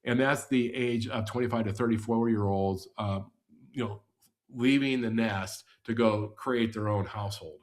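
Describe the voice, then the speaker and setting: A man's voice: on the low side, steady tone, moderate pace. A man co-hosting a podcast, explaining data and charts in a rambling, casual way. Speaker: podcast co-host.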